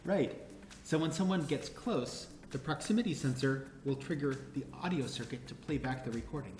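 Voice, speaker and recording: In a very deep, slightly mellow voice at normal speed, a woman leads a hands-on tutorial as presenter and instructor of a DIY electronics show. She explains each step and prompts with questions, while background music and roomy echo fill the recording.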